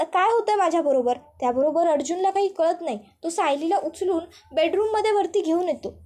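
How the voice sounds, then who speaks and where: A woman narrating a TV serial recap with a steady storytelling delivery. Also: very high-pitched.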